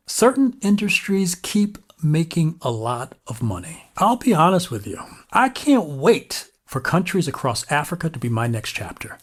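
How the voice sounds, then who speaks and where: A vlogger giving a reflective solo commentary, making points in short, punchy, emphatic phrases. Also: mid-range voice. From United States.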